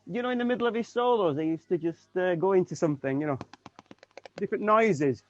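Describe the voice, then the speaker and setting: A man's voice: high-pitched, fairly quick, dull audio, a little hiss or hum. A man from the UK, a keyboard player in a tribute band, chatting casually in an interview and stumbling through many restarts and fillers.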